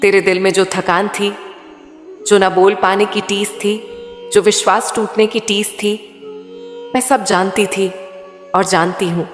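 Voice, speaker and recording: A woman's voice: mid-range voice, fairly even intonation, close to an everyday voice. A woman voicing a tender mother goddess. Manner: slow, soothing, intimate address. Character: loving mother goddess, tender, all-knowing, consoling. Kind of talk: devotional spoken message. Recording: echoey hall with faint sitar music.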